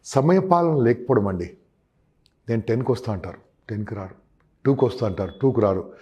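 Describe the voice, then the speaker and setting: A man's voice: medium pitch, expressive, a little fast, husky, lo-fi sound. A man giving emphatic sales advice in an interview, often calling the listener boss and acting out customer exchanges. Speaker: sales trainer guest.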